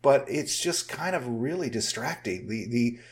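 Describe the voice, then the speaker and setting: Male podcast host, mid-pitch, unhurried and talkative, lots of "uh"s. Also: lively intonation. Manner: talkative, measured, with frequent "uh" fillers. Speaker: film review podcast host. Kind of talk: casual review chat.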